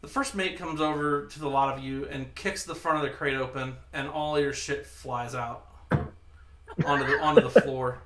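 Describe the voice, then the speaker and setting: A man's voice: fairly high pitch, steady tone, moderate pace, a bit bright, reverberant. A man narrating as game master of a tabletop game in a loose, joking way. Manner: loose, joking, full of fillers and restarts.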